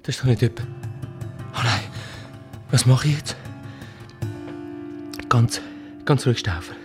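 An actor playing a nervous employee with a Swiss German accent who grows more frightened, in a radio play. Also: male voice, medium pitch, unhurried, close to an everyday voice. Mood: panicked. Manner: anxious, frightened, increasingly frantic. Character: nervous young employee, panicking. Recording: radio play with music behind.

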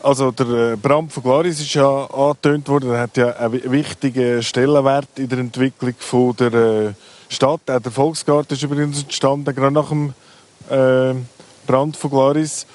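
A man from Glarus with a local Swiss German accent, answering interview questions outdoors, hesitant and full of pauses. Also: medium pitch, little pitch movement, darkish tone. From Glarus, Switzerland. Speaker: local guide. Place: outdoors in a town.

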